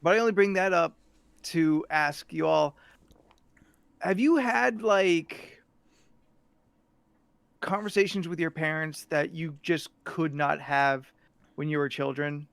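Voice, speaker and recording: A man's voice: fairly high pitch, slow, gravelly, pauses often, clear, resonant tone, no echo. A man talking casually and telling stories as a podcast host. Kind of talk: casual chat and storytelling.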